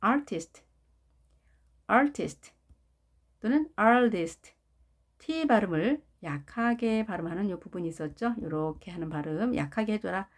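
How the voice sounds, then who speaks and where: A woman teaching English pronunciation of job names, slowly repeating each word with careful stress. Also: mid-range voice, expressive. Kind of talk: pronunciation lesson.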